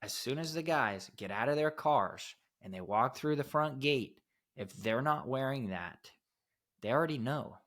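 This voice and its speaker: A man's voice: mid-range voice, lively intonation, unhurried, a bit bright. A man co-hosting a podcast who talks in a blunt, emphatic way, with some casual swearing. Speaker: podcast co-host, steel fabrication company owner.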